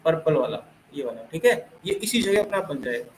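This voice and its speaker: High-voiced man teaching in a roomy classroom. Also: big pitch swings, brisk. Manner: explains with everyday analogies, quizzes students and praises answers; mixes Hindi with English phrases. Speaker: coding teacher. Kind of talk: recorded classroom lecture. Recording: roomy classroom with faint background noise.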